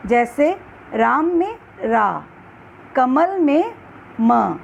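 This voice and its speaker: A woman reading a scripted grammar lesson, slowly and carefully, stressing each example word. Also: sits high, creaky, slight background noise. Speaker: teacher.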